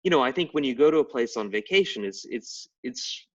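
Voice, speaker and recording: Animated and brisk, a middle-aged man with a mid-range voice holds forth in a casual interview. He's a game writer and anthropologist from Tidewater, Virginia, explaining at length with lots of fillers and restarts, over distant, dull, lo-fi live stream audio.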